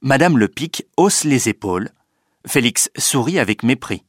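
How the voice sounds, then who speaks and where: A man reading a children's story aloud in an expressive, unhurried way. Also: mid-range voice, slightly rough, no room sound, clean studio sound. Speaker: narrator.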